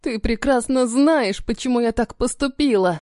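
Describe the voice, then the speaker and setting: A woman's voice: a little high, moderate pace, a little mellow, no room sound, studio quality, close to an everyday voice. A woman voicing a frightened young wife who pleads in a trembling voice. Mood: pleading.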